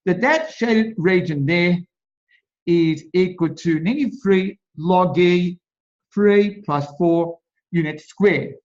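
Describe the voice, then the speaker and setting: An Australian man tutoring maths as he works through an exam solution, talking slowly and often repeating and restarting his phrases. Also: high-pitched. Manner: slow, repetitive, stops and restarts often. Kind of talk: worked exam solution walkthrough. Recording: dull lo-fi voice-over.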